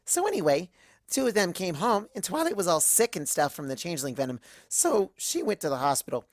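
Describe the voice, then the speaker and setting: In a dry, studio-quality recording, a woman with a lowish, sing-song voice speaks fairly quickly as a hyper, cheerful, scatterbrained cartoon pony. She rambles through gossipy first-person fan fiction narration, bubbly and exclamatory, in a chatty mood.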